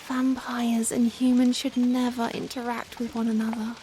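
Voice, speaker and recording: A woman playing a young Victorian vampire in a softly spoken ASMR roleplay, anguished and tender, speaking formally and hesitantly with rain behind the voice. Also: on the high side, moderate pace, close to an everyday voice, poor audio. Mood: regretful, pleading. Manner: hesitant, formal, emotional, pleading. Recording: steady rain noise behind. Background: rain falling on a surface.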